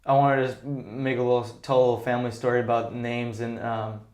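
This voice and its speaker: A man's voice: medium pitch, level tone, quick pace, a little mellow. A man co-hosting a podcast, telling a family story in a rambling, casual way. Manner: rambling anecdotal delivery. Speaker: podcast co-host. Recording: roomy echo.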